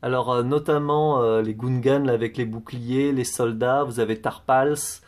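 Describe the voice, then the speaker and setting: A man's voice: medium pitch, steady tone, normal speed, a little mellow. A man giving a casual show-and-tell tour of his collection, hesitant, with many fillers and restarts.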